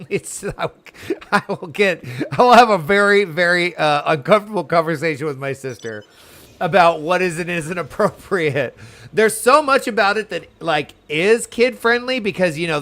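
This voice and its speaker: While streaming a video game, a man chats casually and animatedly, rambling from one thought to the next. His voice is fairly high-pitched and a bit bright.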